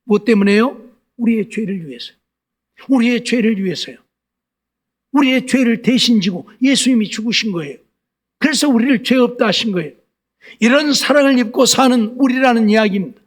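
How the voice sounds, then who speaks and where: Male pastor with a high voice, preaching with folksy, question-heavy exhortation. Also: a little fast. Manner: folksy, exhorting, with constant rhetorical questions to the congregation. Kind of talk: Sunday sermon.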